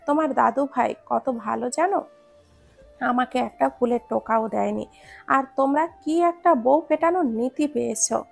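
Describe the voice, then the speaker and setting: A woman's voice: high-pitched, moderate pace, gravelly, husky, faint music behind, full character voice. A woman reading a story aloud and voicing a stern old grandmother who scolds her grandson. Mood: scolding. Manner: scolding, sharp.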